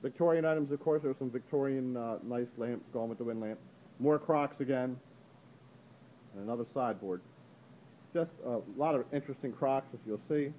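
A middle-aged man, an auctioneer, walking through an indoor antique gallery with a handheld camera and chatting upbeat about the items, often saying "ladies and gentlemen". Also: mid-range voice, moderate pace, lo-fi sound, slight background noise. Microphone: handheld camera mic, speaker behind the camera.

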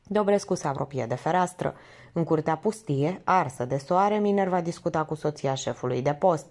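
A woman narrating an audiobook in a steady, measured reading voice. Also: low-pitched. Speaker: audiobook reader.

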